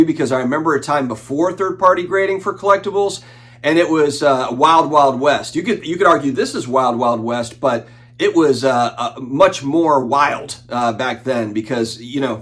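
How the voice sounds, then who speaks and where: A man in his forties hosts a collectibles channel while sick with the flu, sounding a bit nasal. His mid-range voice is a bit bright, and his casual talking-head commentary rambles conversationally, full of fillers and restarts.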